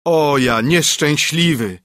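A man voicing a hot-tempered, unlucky male carter in a storybook reading, loud and lamenting. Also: a little high, big pitch swings, unhurried, no echo, clean studio sound, pitched above the performer's own voice, exaggerated voice.

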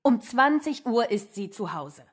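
A woman's voice: on the high side, big pitch swings, a little slow, breathy edge. A woman reading a mother's lines in a scripted lesson dialogue, firm and insistent.

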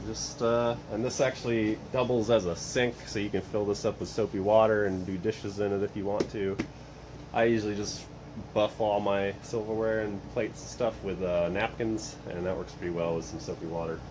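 A relaxed man in his thirties talks through his gear in a low, easygoing voice. He chats casually, with plenty of uh fillers. An air conditioner hums clearly in the room behind him. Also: moderate pace, noisy background. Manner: relaxed, chatty, with frequent uh fillers. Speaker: vlogger showing camping gear. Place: cluttered home storage room and kitchen, indoors.

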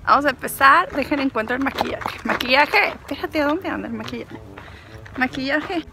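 A woman with a Mexican accent and a high voice vlogs casually while walking through an outdoor park, speaking at normal speed over background music. She's playful, rambling to herself and to the camera.

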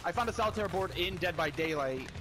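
A man's voice: high-pitched, animated, quick pace, fairly bright tone, slight background noise. A young man teasing his friends in a casual gaming chat. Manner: joking, crude teasing. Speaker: friend playing online.

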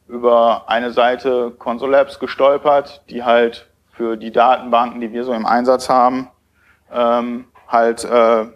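A man in his thirties giving a technical conference talk at a podium in a lecture hall, speaking hesitantly with many filler sounds. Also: mid-range voice.

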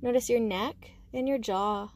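A woman guides a meditation with slow, soothing instructions. Her voice is on the high side, and she speaks gently and unhurriedly in short phrases with pauses.

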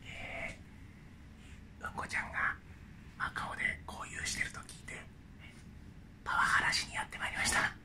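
A middle-aged man whispering a hushed prank introduction to a handheld camera in a hotel room. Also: moderate pace, pauses often. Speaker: prankster presenter, DJ.

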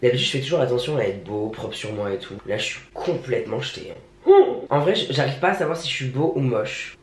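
A young man, chatting camp and self-mocking in a morning routine vlog while still a bit drunk. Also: medium pitch. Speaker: vlogger. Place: apartment bathroom. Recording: echoey room, faint noise.

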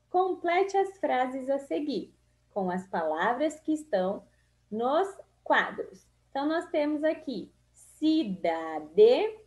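A Brazilian woman teacher slowly reading through a children's spelling lesson, drawing out each word in a sing-song way. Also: sits high, a little mellow. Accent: Brazilian Portuguese. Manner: drawn-out, sing-song words for small children. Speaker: primary school teacher. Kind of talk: slow, syllable-by-syllable reading lesson.

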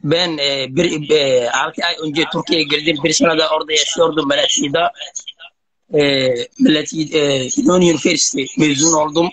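A young man with a Somali accent speaks in a fairly high voice. His Turkish is broken and halting, that of a foreign learner practising conversation over a phone video call. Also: steady tone, fairly bright tone, low-quality recording. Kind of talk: language practice chat. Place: curtained room, on a video call. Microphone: phone held close, video call.

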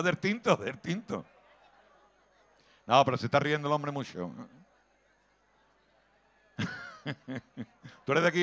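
A man with an Andalusian accent doing live stand-up comedy at an outdoor town festival, chatty and teasing the crowd, switching into quick put-on voices. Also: a little high, fairly bright tone.

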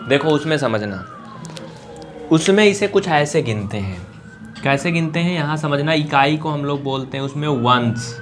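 A man's voice: on the high side, animated, normal speed, slight background noise. A man teaching a basic math lesson at a board, often asking the class a question and then answering it himself. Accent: Hindi-speaking Uttar Pradesh.

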